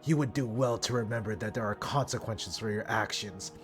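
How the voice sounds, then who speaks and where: A man voicing a proud female oracle in solemn, formal archaic speech, raising his pitch. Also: fairly quick, a bit bright, soft background music, lightly acted. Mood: warning. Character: proud, stern female oracle of a fantasy quest.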